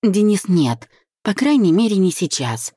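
A woman reading the part of a proud young wife who is defiant, indignant and hurt, voiced higher and louder than the narration. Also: very animated, a little slow, slightly rough, dry recording, studio quality. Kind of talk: audiobook reading.

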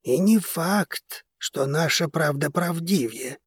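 A man's voice: fairly high pitch, slow, husky, no echo, clean studio sound, voice pushed up. A man playing a stern old head of a noble house who speaks curtly and strictly. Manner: stern, curt.

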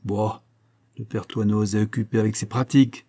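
Brief: male reader voicing a nonchalant, persistent young coachman, coaxing tone, warm timbre. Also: lowish voice, flat delivery, normal speed. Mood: coaxing, cheeky. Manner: coaxing and easy-going.

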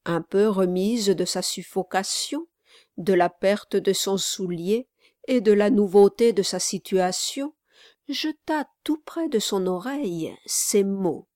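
A woman narrating a classic novel as an audiobook reader, in a measured, even storytelling manner. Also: medium pitch, no echo, clean studio sound.

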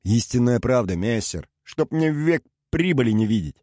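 A man's voice: mid-range voice, animated, moderate pace, dark tone, dry recording, studio quality, voice pushed up, close to an everyday voice. Man doing a fawning, deferential servant. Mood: ingratiating. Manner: deferential, ingratiating. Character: obsequious scheming male servant-purser. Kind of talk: audiobook character reading.

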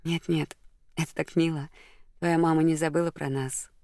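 Reader voicing an emotional young woman, raised and tearful, gravelly edge, dry sound, romantic audiobook. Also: mid-range voice, level tone, moderate pace, darkish tone, no room sound, natural voice. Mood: tearful, excited.

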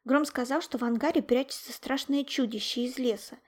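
A woman reading a children's story aloud, lively and expressive, giving each character's line its own emphasis. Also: high voice, a little fast.

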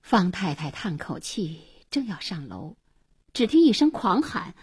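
Woman narrating a radio story, slow, lively pitch, husky, dry studio sound. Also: dry recording. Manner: acts out every character's lines, rising to shouts. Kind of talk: dramatic story narration with voiced dialogue.

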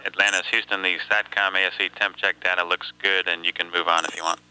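A man's voice: sits low, completely flat delivery, quick pace, bright, forceful tone, a little hiss or hum, poor audio. A man working as a mission control communicator, making formal, clipped procedural calls in an astronaut radio exchange over a space-to-ground link.

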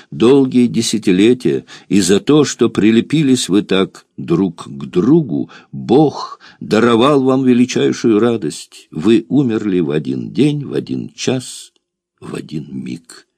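A man voicing an elderly grandfather speaking solemn, tender words in a slow biblical cadence. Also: lowish voice, expressive, warm tone, breathy edge, no echo, clean studio sound, heavily acted.

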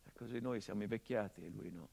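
A stage actor plays a middle-aged son grieving his murdered father, delivering a bitter, sardonic, biting monologue that moves between hushed murmurs and impassioned outbursts. His lowish, husky voice has vocal fry, and he talks fast in a heavily acted style.

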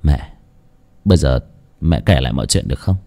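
Man playing a confused young man, low soft voice, stammering, dark tone, music behind. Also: expressive, fairly quick, gravelly, heavily acted. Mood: pleading.

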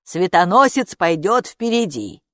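A woman reading an audiobook and voicing a stern underground gatekeeper woman who speaks slowly and grumbles. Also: fairly low pitch, big pitch swings, no room sound, studio quality. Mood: grumbling. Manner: slow, grumbling, deliberate.

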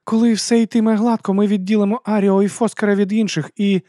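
A man reading an audiobook and voicing a sharp, impatient woman schemer with a clipped, scornful delivery. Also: high voice, level tone, quick pace, no echo, studio quality, pitched above the performer's own voice, natural voice. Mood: brisk, scornful. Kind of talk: audiobook character voice.

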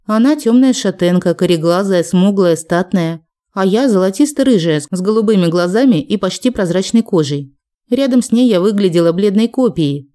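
Woman reading an audiobook in first person, lowish voice, warm dark tone, steady pace.

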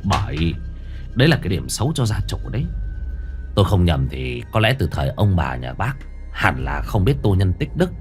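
Một người đàn ông kể chuyện đóng vai một thầy pháp trẻ, nói giọng trầm, chắc nịch như giảng giải. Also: male voice, deep voice, darkish tone. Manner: authoritative, lecturing. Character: young male exorcist, calm and commanding.

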